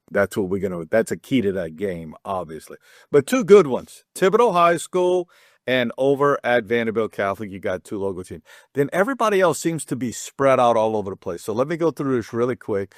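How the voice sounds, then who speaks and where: A middle-aged man talks high school football in a loose, rambling way, doubling back and joking at his own expense. His voice sits on the lower side. It is recorded dry and close, with no room sound. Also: big pitch swings, a little fast, dry recording. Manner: rambling, chatty, restarts with self-deprecating jokes. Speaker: sports show host. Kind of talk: casual sports talk.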